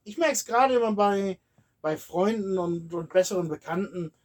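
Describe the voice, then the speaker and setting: A man from Germany co-hosting a podcast in casual chat, explaining earnestly and trailing off quietly at the ends of his sentences. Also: high voice, animated, moderate pace. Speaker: podcast co-host.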